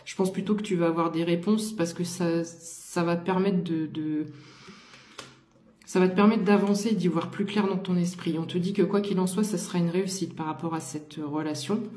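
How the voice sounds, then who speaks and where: A woman's voice: fairly low pitch, steady tone, moderate pace, warm tone, reverberant, slight background noise. A woman giving a casual tarot reading to the viewer, talking with many fillers and restarts. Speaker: tarot card reader.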